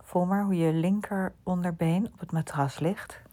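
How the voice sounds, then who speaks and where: A woman guiding a listener through a slow sleep relaxation, speaking softly and often in a whisper. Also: lowish voice, steady tone. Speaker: sleep meditation guide.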